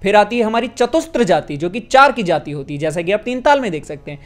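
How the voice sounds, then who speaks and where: A man's voice: sits high, fast talker. Man counting beats in a music lesson. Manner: counts beats aloud in steady rhythmic groups; explanatory, asks "है ना?" to check understanding. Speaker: music teacher.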